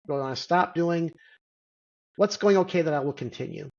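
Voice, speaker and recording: A middle-aged man, a physician guest, explaining things in a measured way with many pauses and "and so" fillers over a video call. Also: on the high side, muffled recording. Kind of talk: interview answer.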